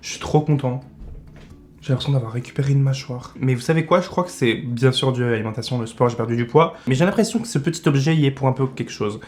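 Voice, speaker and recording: A French-accented beauty vlogger in his twenties chats casually, handing out blunt verdicts on products. His voice is mid-range, a little mellow, and fast.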